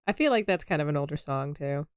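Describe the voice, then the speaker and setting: A woman's voice: sits low, clear, resonant tone, no echo, clean studio sound. A woman co-hosting a gaming stream in casual chat, quizzical and playfully skeptical. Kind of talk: casual chat while playing.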